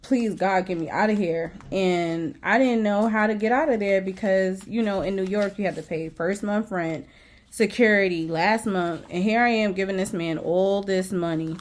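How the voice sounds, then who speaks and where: A woman's voice: mid-range voice, moderate pace. A woman telling a personal faith story in a casual vlog, emotional and repeating herself as she talks to her viewers. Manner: emotional, repeats herself, often says "y'all". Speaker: faith vlogger.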